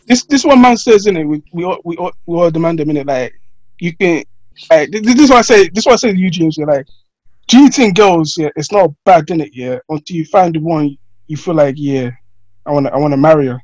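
A man's voice: a little high, expressive, fast talker, a little mellow, no echo, poor audio. A young man with a London accent, chatting casually in urban street slang. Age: young adult.

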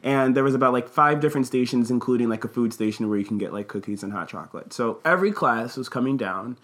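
A man's voice: mid-range voice, fast talker, fairly bright tone. A man who works at a school, telling a casual story in a rambling, earnest way with many fillers. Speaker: school staff member.

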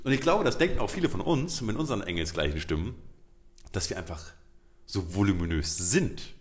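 A man's voice: fairly low pitch, lively intonation, fairly quick. A man co-hosting a casual chat podcast, joking and teasing his partner with playful asides. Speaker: podcast co-host.

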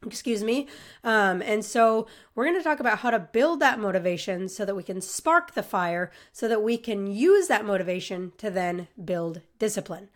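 A woman's voice: mid-range voice, animated, normal speed. A woman with a stuffy, congested voice hosting a motivational podcast, talking in an upbeat, encouraging way with filler words. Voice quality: nasal and stuffy. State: sick and congested. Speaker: podcast host and coach.

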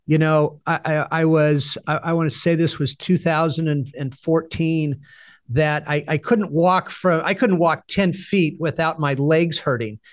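Man host, fairly high voice, blunt and salty, animated storyteller. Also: a little slow. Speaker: podcast host. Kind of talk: conversational podcast interview.

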